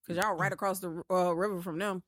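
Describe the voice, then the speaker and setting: A woman from New Orleans in casual podcast chat, telling lively anecdotes and acting out the voices of the people she quotes. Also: fairly low pitch, a little fast, no room sound, studio quality.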